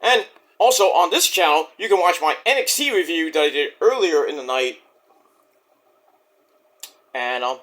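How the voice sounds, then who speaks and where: A middle-aged man with a Brooklyn, New York accent rambles boastfully through a casual wrestling review, his voice high-pitched and a bit bright. He restarts sentences and leans on fillers.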